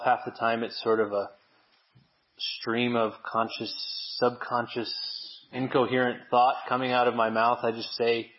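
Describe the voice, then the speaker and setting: Male preacher, relaxed storytelling sermon, mid-pitched voice, slightly dull church recording. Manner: conversational, self-deprecating storytelling. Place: church service.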